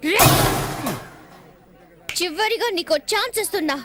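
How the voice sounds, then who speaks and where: A woman's voice: very high-pitched, measured pace, very noisy. An actress playing a headstrong young woman student in a comic film scene, defiant and bossy.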